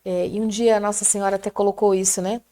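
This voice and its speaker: Middle-aged Brazilian woman, lively storyteller sharing her faith, fervent and chatty. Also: medium pitch, fast. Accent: Brazilian Portuguese. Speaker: prayer group guest. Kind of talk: casual testimony chat.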